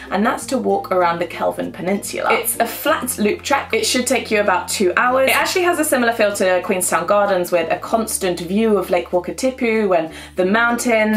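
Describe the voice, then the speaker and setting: A young woman, giving upbeat, chatty travel tips to camera from a small bedroom. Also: medium pitch. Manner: upbeat, chatty, enthusiastic recommendations. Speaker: travel vlogger.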